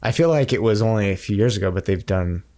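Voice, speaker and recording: A man's voice: on the low side, expressive, fast talker, dark tone. A man co-hosting a podcast, chatting casually in a rambling way with dry jokes. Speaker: podcast co-host. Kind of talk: casual chat.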